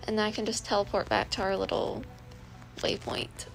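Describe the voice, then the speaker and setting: A woman's voice: medium pitch, level tone, moderate pace, rough recording. A woman streamer giving casual, musing gameplay commentary and addressing chat as y'all. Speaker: game streamer. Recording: game music playing behind.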